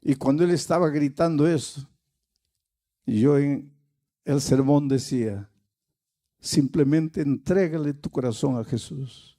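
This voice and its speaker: An older man preaching a sermon in earnest tones, climbing to near-shouted peaks as he recounts a story. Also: on the high side, measured pace, long pauses.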